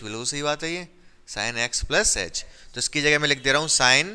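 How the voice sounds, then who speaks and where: Male maths teacher, fairly high and crisp voice, asks students questions while working at the board. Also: bright, forceful tone. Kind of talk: classroom lesson explaining at a board.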